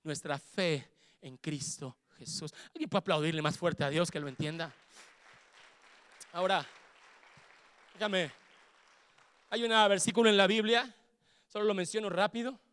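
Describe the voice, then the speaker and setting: A man with a Mexican Spanish accent preaching a sermon as pastor, fervent, building to shouts and acting out quoted voices. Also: high voice, a little slow, pauses often, no room sound, studio quality.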